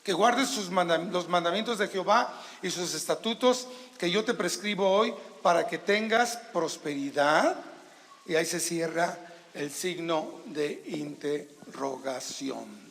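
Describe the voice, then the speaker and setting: A Mexican pastor with a Mexican Spanish accent delivers a sermon in a church sanctuary, speaking forcefully at a measured pace in a high, gravelly, slightly bright voice. He uses a handheld microphone, his words echoing through the reverberant hall as he calls out questions to the congregation.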